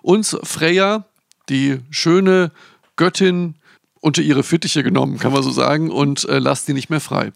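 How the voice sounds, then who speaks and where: Gravelly man retelling a book's plot. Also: a little high, steady tone, measured pace, no echo, studio quality. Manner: retells the plot loosely, with restarts. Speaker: book presenter. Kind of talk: casual book recommendation talk.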